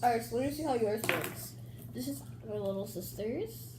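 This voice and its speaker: A woman's voice: fairly high pitch, moderate pace. Numb-mouthed young girl after tooth extraction, echoey. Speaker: young vlogger unboxing toys. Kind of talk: casual chat to camera. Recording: echoey room with loud noise.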